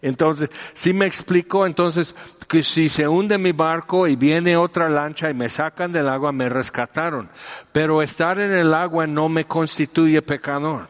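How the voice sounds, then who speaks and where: A man giving a conversational sermon. He explains with everyday examples and fills his pauses with "este". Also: on the high side, steady tone. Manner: explanatory, uses homely examples and many fillers. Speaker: preacher. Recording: dull echoey hall recording.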